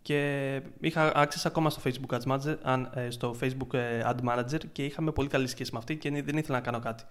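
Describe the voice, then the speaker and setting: A man chatting casually on a podcast, retelling his freelance work in an excitable way with many restarts. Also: medium pitch, hardly any pauses, smooth. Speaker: podcast co-host, freelance ads marketer.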